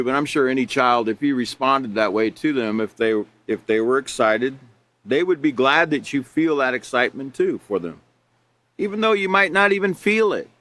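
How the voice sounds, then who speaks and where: A man's voice: medium pitch, a bit bright. A man teaching a live character education class, reading out examples and patiently explaining them with rhetorical questions.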